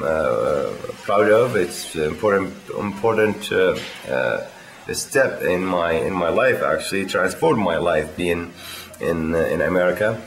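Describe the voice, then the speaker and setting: A man from Iraq, talking in a casual video diary, halting and full of filler sounds. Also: deep voice, gravelly. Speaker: vlogger.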